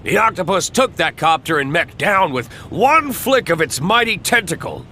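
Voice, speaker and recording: A man's voice: high-pitched, very animated, normal speed, sharp tone, slight background noise, voice pushed up, full character voice. An audiobook narrator voicing a grown fisherman who recounts the attack dramatically. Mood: dramatic. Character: grown fisherman, showy storyteller.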